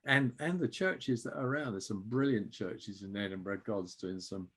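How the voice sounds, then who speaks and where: An older man speaks as an interview guest, his voice sitting low with a slightly husky edge. He tells his stories in a reflective, conversational way. He chuckles now and then as he goes. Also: moderate pace, fairly bright tone. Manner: reflective, chuckles while telling anecdotes. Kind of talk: conversational storytelling.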